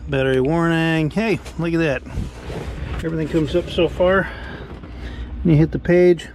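A middle-aged hobbyist builder with a slightly high voice, fairly even intonation and a moderate pace casually shows off his project, rambling and thinking aloud as he works. He's in a small cockpit rig inside a cluttered workshop, with background noise audible.

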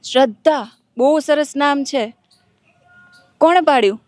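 A woman's voice: high-pitched, unhurried, darkish tone, no echo. A woman reporter interviewing schoolgirls on location outside a school, asking playful, teasing questions.

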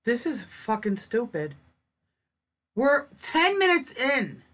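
Woman ranting over clips, bright sharp voice, kinda high, cusses a lot. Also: very animated, takes it slowly. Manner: blunt, scornful, swears a lot. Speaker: reaction commentator. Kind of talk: reaction commentary.

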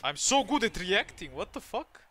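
A man giving casual, slangy gameplay commentary, excitable and given to repeating his exclamations. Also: sits high, normal speed. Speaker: gamer, video creator.

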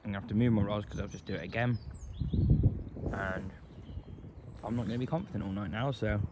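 An English carp fishing vlogger talks casually to a phone camera held at arm's length while standing outdoors by a lake. His voice is low with fairly even intonation and a slightly fast pace, and he sounds low-key and resigned, chatting with many "um"s. The recording is very noisy.

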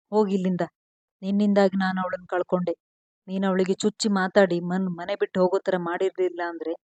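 A woman reading the lines of a young husband who is fiercely devoted and quick to anger, speaking bluntly in a storybook tale. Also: mid-range voice, a little mellow, no echo, natural voice. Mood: furious.

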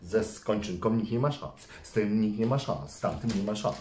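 A man's voice: fairly low pitch, moderate pace, a little mellow, a little hiss or hum. A man, a father hosting a toy unboxing video with his son, who talks to viewers and builds suspense with playful energy. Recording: echoey room.

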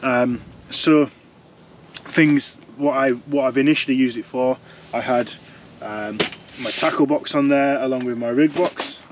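A man's voice: mid-range voice, heavy background noise. A young man chatting casually as he reviews fishing gear from inside a tent, rambling and restarting his sentences. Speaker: fishing vlogger.

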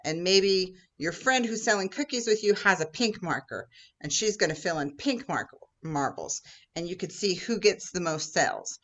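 An upbeat woman with a slightly low voice explains things to children in a friendly instructional video. She talks like a troop leader and sometimes acts out the people she describes. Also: expressive, normal speed, fairly bright tone, muffled recording. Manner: upbeat, friendly teacher talk that acts out customer exchanges. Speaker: Girl Scout troop leader.

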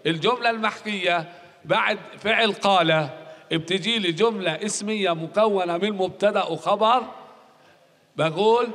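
A man's voice: high-pitched, a bit bright, big-room sound. A male university lecturer with a Palestinian Arabic accent, teaching grammar in a recorded classroom lecture, repeating key rules and quizzing his students.

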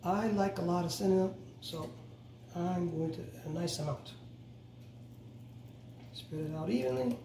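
Speaking in a high voice at a measured pace, with vocal fry and long pauses, a middle-aged home cooking show host demonstrates a recipe step by step. He stays relaxed and instructive, frequently corrects himself, and keeps saying "go ahead and." The camera capturing him sits across a bright home kitchen, giving distant, roomy sound with background noise.

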